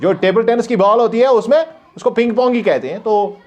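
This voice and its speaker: Guy teaching english, high animated voice, muffled lo-fi audio. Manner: reads English lines slowly, then explains them in Hindi; asks the class questions and answers them himself. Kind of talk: explaining an English lesson. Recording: dull lo-fi recording.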